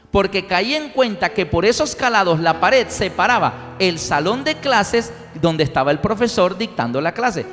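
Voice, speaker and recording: High-pitched guy preaching, tells stories, asks the room stuff, faint music behind. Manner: animated, asks the congregation questions. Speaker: evangelist preacher. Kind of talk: sermon with storytelling. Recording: long hall reverb, faint music.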